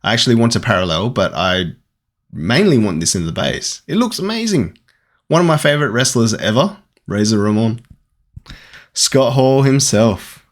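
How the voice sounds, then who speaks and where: An Australian man chatting casually while opening trading card packs, rambling and getting excited at good pulls. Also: on the low side, a little fast. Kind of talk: casual unboxing commentary.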